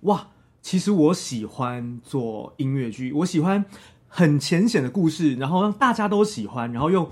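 A man's voice: a little high, expressive, normal speed, darkish tone, slightly rough. A man with a Taiwanese Mandarin accent telling his story casually as an interview guest, in a self-deprecating way. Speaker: interview guest, theatre director.

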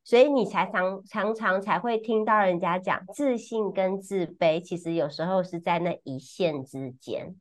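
A woman co-hosting a podcast, explaining ideas in an expressive, conversational way and often repeating words as she goes. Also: on the low side, moderate pace, hardly any pauses. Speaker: podcast co-host and teacher.

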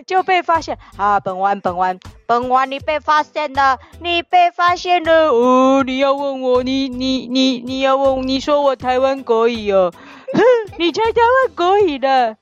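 Brief: a woman playing a teasing dog co-host reading comments, Taiwanese accent, high and bright, slightly muffled with a music bed. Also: animated, unhurried, few pauses. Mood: playful. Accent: Taiwanese Mandarin. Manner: playful, giggly, teasing. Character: friendly stray-turned-pet dog, playful and chatty. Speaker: podcast co-host. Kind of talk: reading and answering listener comments.

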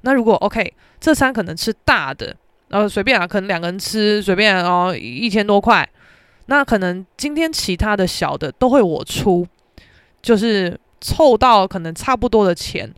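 Animated Taiwanese woman ranting. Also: mid-range voice, moderate pace, smooth, dry recording, clean studio sound. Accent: Taiwanese Mandarin. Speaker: podcast host. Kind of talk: casual storytelling.

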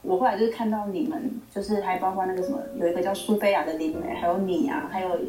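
Mom rambling fast, echoey room. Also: female voice, lowish voice, steady tone. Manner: chatty, rambling, lots of fillers. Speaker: student and mother. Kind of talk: casual chat. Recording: roomy echo, music under.

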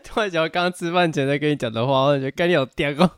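A man with a Taiwanese Mandarin accent, co-hosting a podcast in a relaxed, casual way. His voice is smooth and clear, and he slips in sly quips between laughs. The sound is dry and close. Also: fairly high pitch, very fast, no echo. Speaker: podcast co-host. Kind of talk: casual chat.

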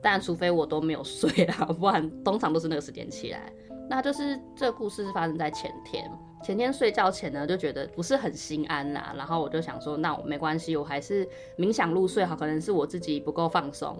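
A woman's voice: low-pitched, fairly quick, music in the background. A woman co-hosting a podcast, telling a personal story casually and rambling with many fillers and restarts. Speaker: podcast co-host.

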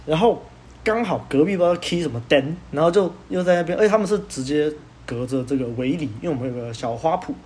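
A young man, hosting a podcast and telling a story in casual chat, animated and laughing as he goes. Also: on the high side, quick pace. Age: young adult. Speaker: podcast host.

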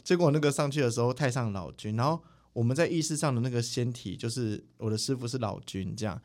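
A man, a spiritual teacher telling stories as a guest in a studio interview, animated and quick to mimic others. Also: mid-range voice. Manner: animated, quick, mimics people mid-story. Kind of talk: casual interview storytelling. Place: podcast recording studio.

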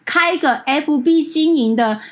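A podcast host with a Taiwanese Mandarin accent chats casually while telling an indignant story, acting out the quotes. Her voice is high-pitched and her pace a little slow.

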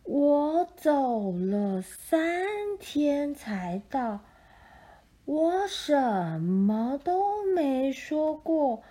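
A sleepy storybook sloth that stretches each word out, very slow and fairly high, as a woman puts it on. The voice is soft and mellow, with a lazy drawl. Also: very animated, exaggerated voice. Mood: aggrieved. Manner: drawn-out, dragging speech.

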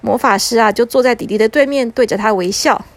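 A woman narrating a bedtime story for children in a gentle, lilting way. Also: on the high side, no echo. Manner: gentle, lilting with drawn-out particles.

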